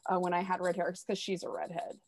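A woman's voice: lowish voice, little pitch movement, quick pace, darkish tone, no echo. Woman in her 30s, podcast cohost, rambly and giggly, lots of likes and ums, dry little room, call mic. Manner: giggly, rambling with many fillers. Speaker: podcast co-host. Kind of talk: casual chat. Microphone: home mic on video call.

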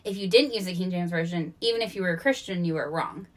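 A woman guest on a podcast, telling personal stories in an animated way and laughing often, in a candid casual chat. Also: fairly low pitch, fast.

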